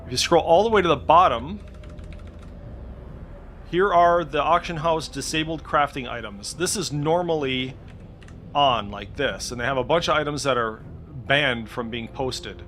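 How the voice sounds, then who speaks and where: Unhurried and fairly bright in tone, a man's mid-range voice comes through with slight background noise. He's a tech video creator sitting indoors at a computer, giving a casual, unscripted screen-share walkthrough, thinking aloud hesitantly and dropping the odd mild swear.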